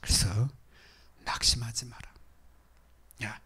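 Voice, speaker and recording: A male pastor delivers a sermon in a husky, slightly breathy voice. He swings from loud exhortation to hushed, almost whispered asides. His tone stays earnest and direct with the congregation. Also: medium pitch, little pitch movement, slow.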